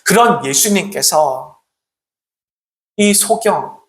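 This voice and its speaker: Emphatic preacher with a lively voice. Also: medium pitch, slow. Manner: emphatic, swinging between loud and hushed delivery. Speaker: pastor. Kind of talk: sermon. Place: church sanctuary. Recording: echoey church hall.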